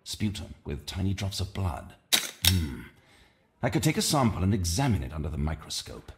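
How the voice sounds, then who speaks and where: A man's voice: deep voice, sing-song, moderate pace, slight background noise. A man acting an earnest, formally spoken Victorian English doctor in a video game. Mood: studious. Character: earnest, concerned Victorian gentleman doctor, Holmes's companion.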